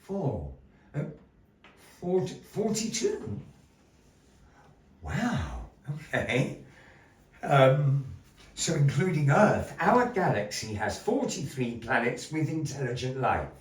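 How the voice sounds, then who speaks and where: Playful showman patter comes from a male puppet show host working with a puppet fortune-teller in front of a live audience in a gallery room. Showy, grandly polite, and animated in pitch, he speaks slowly with long pauses. A distant room mic makes the echoey room sound far off.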